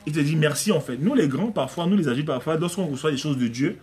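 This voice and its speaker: A man preaching in an informal, streamed style, his voice sitting a touch high for a man. He repeats phrases for emphasis and slips into acted-out prayers and exchanges, talking as if to one listener. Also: fast, darkish tone. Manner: emphatic, repetitive, acts out prayers and dialogues. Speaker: pastor. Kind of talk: conversational live-streamed sermon.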